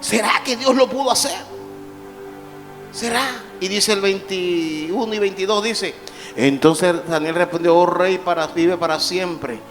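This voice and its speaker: High-voiced preaching pastor. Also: male voice, measured pace. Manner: preaching with call-and-response, rising to shouts. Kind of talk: sermon. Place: church sanctuary. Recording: live church hall with long reverb and faint music.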